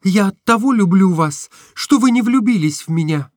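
Breathless lovestruck young woman in a classic novel read aloud, high and dry, played by a man. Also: animated, normal speed, a little mellow, dry recording. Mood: gushing. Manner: breathless, emotional, rising exclamations. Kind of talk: audiobook reading.

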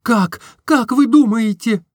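A man's voice: very high-pitched, slow pace, a little mellow, no room sound, studio quality, voice pushed up. A man voicing a tearful, pleading young woman. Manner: breathless, imploring questions.

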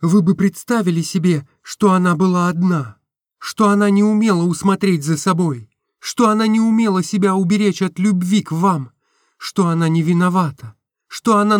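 A distraught young woman on the edge of tears, as a male reader puts her on, her voice pitched well above his own and pushed louder. She pleads in breathless, imploring questions. The sound is close and dry. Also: moderate pace, dry recording, natural voice.

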